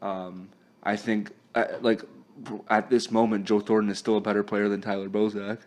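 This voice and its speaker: Man, podcast host, casual sports chat, low voice, chatty. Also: flat delivery, moderate pace. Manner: chatty, laughs often, filler-heavy.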